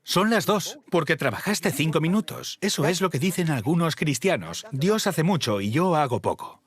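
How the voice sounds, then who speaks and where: A man's voice: fairly high pitch, lively intonation, moderate pace. A male pastor with a Spain Spanish accent preaching a sermon, telling a story and acting out its dialogue in changing voices.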